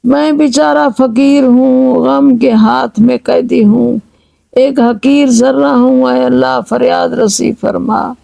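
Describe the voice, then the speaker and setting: A woman slowly chanting devotional verses in a pleading tone, then explaining each line in measured speech. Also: high-pitched, flat delivery, vocal fry, warm tone, dry recording, poor audio. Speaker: religious reciter and translator. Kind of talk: devotional recitation with line-by-line translation.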